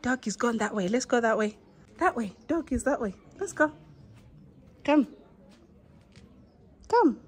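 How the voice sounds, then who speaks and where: A young woman with a Zimbabwean accent vlogging outdoors in a home yard, mixing English with Ndebele and gently coaxing a small child. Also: on the high side, lively intonation, normal speed, long pauses. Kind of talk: casual vlog chat.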